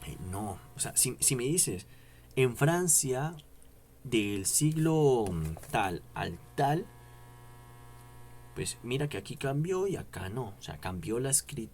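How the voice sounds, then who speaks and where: A man's voice: mid-range voice, slow. Male explainer, mid-range voice, talky and emphatic, informal lesson with a faint noise floor. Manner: rambling, animated, many tag questions and repeated no's. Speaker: philosophy YouTuber. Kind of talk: casual explanatory lecture to camera.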